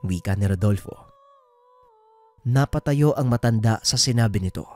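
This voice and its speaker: A man narrating a true horror story in a steady, scripted way. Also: on the low side, normal speed, dry recording.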